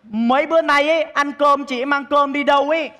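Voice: sits high, fairly even intonation, brisk, sharp tone. An actor playing a spoiled, scheming younger daughter in a stage comedy sketch, whining and teasing her mother. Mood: whiny.

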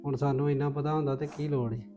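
Woman doing a soft-spoken guy, the visiting brother, really low voice, music behind. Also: steady tone, fast talker, lightly acted. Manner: soothing, politely refusing. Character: grown man, a gentle visiting brother.

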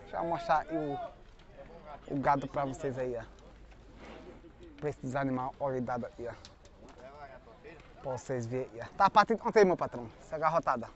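A brisk, medium-pitched Northeastern Brazilian man pauses often as he hosts a casual livestock market tour outdoors, asking about prices among the cattle pens. His folksy style has him repeating figures back and adding tag questions. Crowd noise fills the dull outdoor audio, recorded on a handheld phone from behind the camera.

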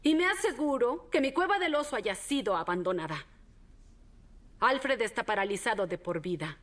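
A woman's voice: fairly high pitch, lively intonation, a bit bright. A woman playing a haunted shelter survivor. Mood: solemn. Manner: plain, halting first-person recollection.

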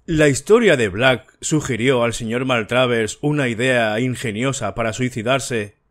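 A man narrating an audiobook, voicing a fussy, sharp-eyed older detective in a dry, precise, lightly lecturing manner. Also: mid-range voice, measured pace, natural voice. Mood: explaining.

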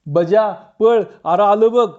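Man voicing cocky rustic thief gone shaky, drawl, mellow tone, lo-fi. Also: on the high side, normal speed, natural voice. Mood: panicked. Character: boastful village man thief who loses his nerve.

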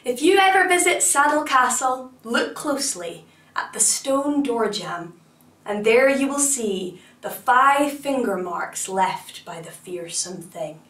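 A woman reading a children's folktale aloud, expressive and slow with dramatic pauses, recorded roomy and from a distance. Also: fairly high pitch. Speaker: storyteller.

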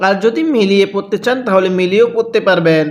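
A man with a Bangladeshi accent teaching Quran recitation step by step. He breaks words into pieces, chants them slowly and drawn out, and asks listeners to repeat after him. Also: high-pitched.

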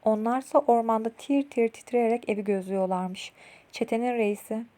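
A woman reading a children's bedtime story aloud in a gentle, expressive way. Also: on the high side, normal speed.

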